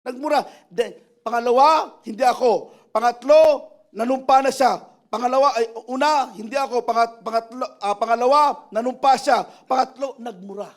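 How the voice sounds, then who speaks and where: A male preacher delivering a lively Taglish sermon in church, acting out quotes with bursts of shouting and laughter. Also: very high-pitched, moderate pace.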